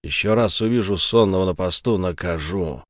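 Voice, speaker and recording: Man playing stern burgomaster: slow, clipped, low, dry sound. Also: dry recording, lightly acted. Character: stern, calculating middle-aged male burgomaster.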